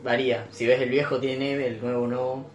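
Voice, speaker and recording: A young man with a Rioplatense Spanish accent bantering on a podcast, teasing and throwing quick jokes. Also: mid-range voice, flat delivery. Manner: teasing, joking, quick jabs. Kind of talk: casual banter. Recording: echoey room with faint noise.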